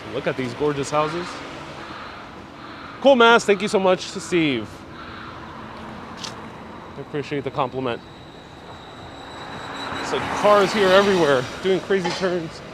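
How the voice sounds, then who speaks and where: A man's voice: fairly high pitch, animated, measured pace, pauses often. Male live tour guide, slightly muffled by a mask, chatty and courteous, casual delivery over faint outdoor street noise. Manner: chatty, effusively polite to viewers. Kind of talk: casual live commentary, answering viewer comments. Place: outdoors, walking on city streets. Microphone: clip-on mic worn on the body. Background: street ambience, passing vehicles.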